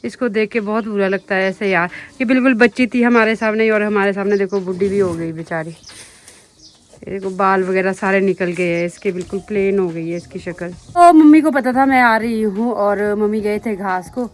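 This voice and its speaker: A woman's voice: medium pitch, moderate pace. A young woman, vlogging outdoors in her mountain village and chatting straight to the camera. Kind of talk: casual vlog narration.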